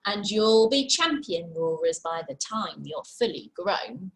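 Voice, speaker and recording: A woman's voice: lowish voice, lively intonation, unhurried, pitched below the performer's own voice, low-quality recording. A woman voicing a commanding, encouraging female dragon schoolteacher from a storybook, with emphatic rhymed instructions. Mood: emphatic, instructing.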